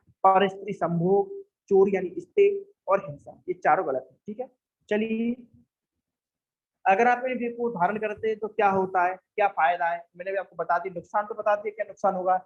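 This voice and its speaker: A young man lectures like a teacher in a fairly high, husky voice, walking through a text and grounding each point in everyday examples. His speech comes through a dull, muffled recording. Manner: explains with everyday examples and acted quotes, frequent "theek hai".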